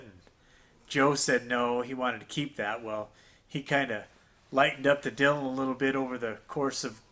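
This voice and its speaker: A man's voice: mid-range voice, pushed and bright. A man casually recounting what happened during the trip. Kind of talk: casual chat.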